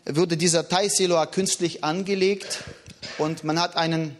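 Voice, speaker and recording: A man's voice: steady tone, unhurried, slight background noise. A man preaching a sermon in an earnest, emphatic way, with a foreign accent. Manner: earnest, emphatic, rises and drops in pitch.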